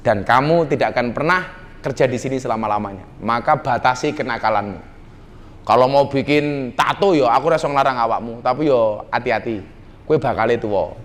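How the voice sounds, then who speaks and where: A man's voice: medium pitch, brisk. A middle-aged man with a Javanese accent, preaching in a teasing, jokey way to a nightclub crowd. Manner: teasing, jokey, mixes Javanese slang into his talk. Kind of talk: joking sermon to a nightclub crowd. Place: nightclub hall with a live audience.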